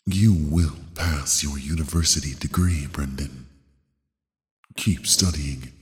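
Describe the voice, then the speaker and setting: Super deep slow ai computer voice, a guy doing it, big reverb tail. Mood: calm. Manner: slow, flat, announcing machine statuses. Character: ominous booming male AI computer. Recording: long hall reverb.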